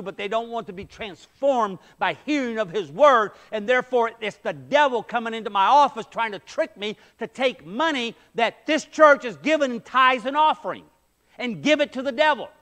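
A middle-aged male pastor preaching from the front of a mid-sized church. His voice sits unusually high for a man, and he presses his points with emphatic rhetorical questions. He speaks through a headset mic. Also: lively intonation, moderate pace, fairly bright tone. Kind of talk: sermon. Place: church sanctuary, medium-sized, indoors.

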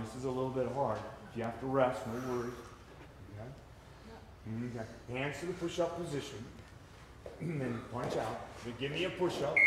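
A man coaches a group workout in an echoey gym, his mid-pitched voice calling cues and counts with cheerful encouragement. Loud noise fills the room behind him, heard as a live class recording. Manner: upbeat encouraging cues, laughs often. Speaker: fitness instructor.

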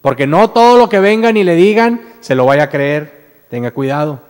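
In an indoor church sanctuary with a stage, a Mexican man speaks into a standing pulpit mic, his high, lifted voice clear, resonant and darkish, animated at a normal pace. His Mexican Spanish sermon recounts his story earnestly, with frequent restarts on repeated words that build into emphatic declarations, echoing with long reverb.

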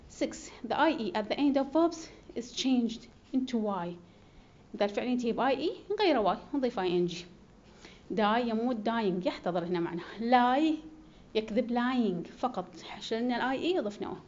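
Woman teaching English grammar, slightly high voice, muffled recording. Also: darkish tone. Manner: reads English rules slowly, explains them fast in Arabic. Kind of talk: bilingual grammar lecture. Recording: dull lo-fi recording with faint noise.

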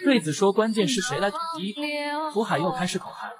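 A man recaps a TV drama at a quick pace, his slightly high voice swinging widely in pitch as he tells the story. Crowd noise can be heard behind him.

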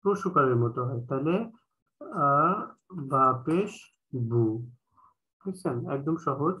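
A man with a Bangladeshi Bengali accent, teaching an online class in a patient way, repeating each point slowly with many filler sounds. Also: a little high, lively intonation, a bit bright, rough recording. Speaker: Quran reading teacher. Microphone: online call.

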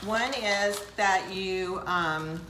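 An older woman hosts a casual cooking demonstration in her home kitchen, chatting straight to viewers as she works. The sound bounces around the room with clear background noise under her voice. She is recorded from a camera set back across the counter. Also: medium pitch, drawn-out words, bright, forceful tone, echoey room, rough recording. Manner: chatty, talks straight to viewers while working. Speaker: cooking show host.

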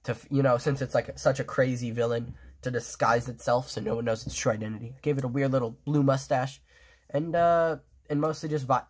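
Sitting at a table, a fan artist walks through his drawings in casual show-and-tell fashion, his stuffed nose making him sound nasal. His mid-range voice moves fairly quickly with fairly even intonation, and he rambles, restarting often and leaning on fillers.

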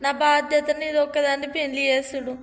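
Caring widowed mom, voiced by a woman, high-pitched, reverberant. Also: little pitch movement, quick pace, faint music behind, natural voice. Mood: consoling. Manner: consoling, earnest. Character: widowed mother, caring and weary. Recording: long hall reverb.

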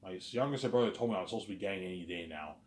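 Speaking very fast in a low, slightly mellow voice, this thirtysomething vlogger rambles casually to his audience. He repeats himself and stumbles over his words, and the sound is roomy.

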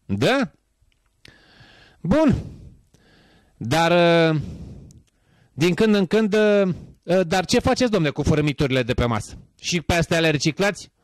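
A man's voice: on the high side, very animated, long pauses, no echo. A man putting on the voice of a suspicious male tax inspector who keeps asking pushy questions. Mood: prying.

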